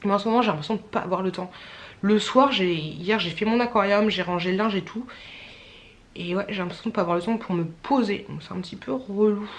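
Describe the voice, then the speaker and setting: A woman's voice: medium pitch, a little fast. A young woman vlogging in casual, rambling chat, a little tired, with many fillers.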